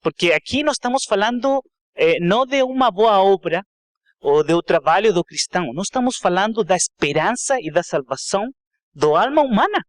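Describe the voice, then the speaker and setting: A man with a Spanish accent speaking non-native Portuguese in halting phrases, giving a church testimony as a guest preacher. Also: high voice, animated, no echo, clean studio sound. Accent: foreign Spanish-speaking accent in Portuguese. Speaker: guest missionary speaker and theology student.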